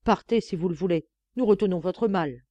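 A woman's voice: lowish voice, moderate pace, dark tone, no echo, natural voice. A woman reading an audiobook, voicing a stern, sanctimonious nun who speaks with cold dignity. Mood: severe. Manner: dignified, severe, preaching.

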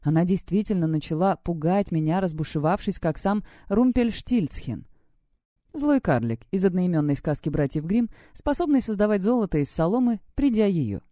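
A woman's voice: fairly low pitch, animated, normal speed, mellow, dry recording, clean studio sound. A woman reading an audiobook, narrating a story in the first person. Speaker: audiobook reader. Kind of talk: scripted narration.

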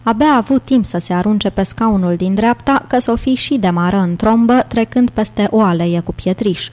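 Mellow woman narrating an audiobook. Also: medium pitch.

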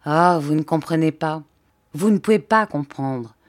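A woman reading aloud who voices an excitable young English male inventor, exclaiming in loud, feverish outbursts. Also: deep voice, unhurried, no echo, studio quality.

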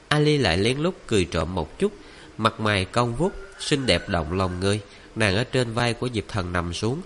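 Male audiobook narrator, lowish voice, steady even read, faint background noise. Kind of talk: scripted novel narration.

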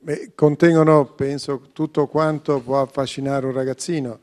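A male executive speaking as a radio interview guest. His voice sits at a middle pitch, and he answers in a measured, thoughtful way, laying out points one by one. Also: little pitch movement, a little mellow.

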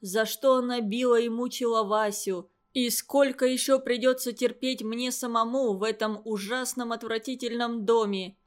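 Woman reading an audiobook, slightly high voice. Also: fairly even intonation, moderate pace, few pauses. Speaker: narrator. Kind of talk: audiobook narration.

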